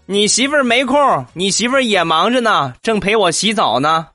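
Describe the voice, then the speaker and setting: A man voicing a cheeky, mischievous little boy with a high, childish voice. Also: expressive, normal speed, music in the background.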